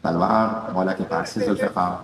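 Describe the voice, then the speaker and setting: A man's voice: sits low, fairly even intonation, normal speed, slight background noise. A man, a cleric, delivering a mourning sermon as dramatic, impassioned storytelling that acts out the quoted voices. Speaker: Shia cleric giving a majlis. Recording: echoey hall, distant mic.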